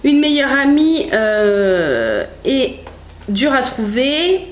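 A woman's voice: sits high, very animated, very slow. A woman vlogger chatting casually at home while opening gifts, rambling with many fillers, self-corrections and frequent laughter. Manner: laughs often, playful teasing. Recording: roomy echo.

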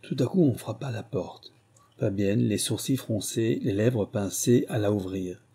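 Male audiobook reader, measured literary delivery, warm dark tone, slight husk. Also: fairly low pitch, expressive, husky. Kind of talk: scripted narration.

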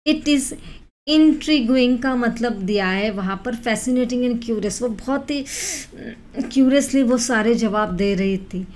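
A woman teacher explaining an English textbook lesson, reading English lines slowly and then explaining them in Hindi. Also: a little high, a little mellow.

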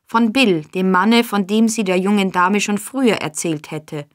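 A woman's voice: mid-range voice, fairly even intonation, a little slow, dry recording, clean studio sound, close to an everyday voice. Woman doing a lazy young informer for a storybook: drawling and offhand.

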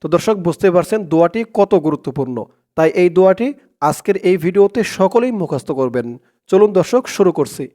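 A man teaching prayer recitation, spelling it out letter by letter and chanting each word slowly and drawn out. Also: high-pitched, expressive, warm tone. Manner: slow, drawn-out chanting of the Arabic words, brisk plain explanations between.

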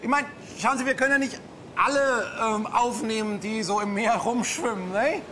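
A man's voice: sits high, normal speed, bright, forceful tone, a little hiss or hum. A man playing a smug male cruise passenger in a breezy, self-satisfied tone.

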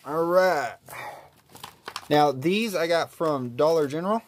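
A man's voice: fairly high pitch, takes it slowly, a little hiss or hum. A man, casually chatting in an easygoing way as he opens trading card packs and admires each card. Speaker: card pack opener. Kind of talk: casual unboxing commentary.

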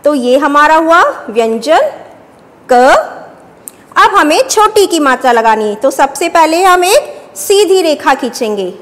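A woman teacher speaks slowly in a high voice, taking young children through a lesson step by step. She asks each question and then answers it herself. The room around her rings with a long echo. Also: sing-song. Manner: slow, repeats each point as a question and answer.

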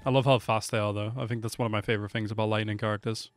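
Speaking fast with a flat delivery and a lowish voice, this twentysomething reaction host swears freely and keeps his commentary slangy and laid-back. He's close on a desk mic with a headset while a game trailer plays with music behind him.

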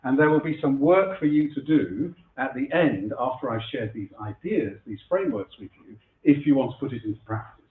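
Animated and brisk with few pauses, this middle-aged keynote speaker has a mid-range voice made husky by a cold. He jokes at his own expense and keeps restarting and using fillers before a live lecture-room audience, heard as a tinny, roomy, phone-like recording.

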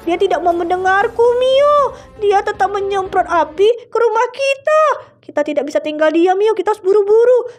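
An excitable older sibling, voiced by a woman, pleads and exclaims in a very high voice. The role-play drama plays over faint background music. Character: panicky older sibling, protective of the family home.

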